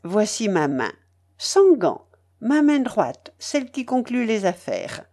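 A woman voicing an imperious, mocking young aristocrat in a read-aloud novel, higher and brighter than her narration. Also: very animated, slow, full character voice. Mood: playful. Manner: commanding, mocking, playful.

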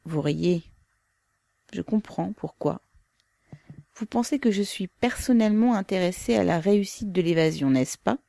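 A woman's voice: fairly low pitch, a little slow, dark tone, no room sound. Woman reading as Saschenka, earnest young revolutionary.

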